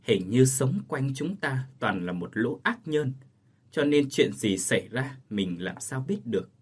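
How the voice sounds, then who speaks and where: A man's voice: medium pitch, sing-song, measured pace, breathy edge. A man voicing a grief-stricken older village schoolteacher and father in a read ghost story, speaking in a choked, sorrowful way. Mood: grieving.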